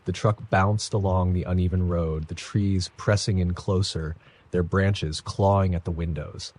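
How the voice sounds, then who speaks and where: Low, husky male narrator for somber scripted first-person horror audiobook. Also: steady tone, measured pace, darkish tone.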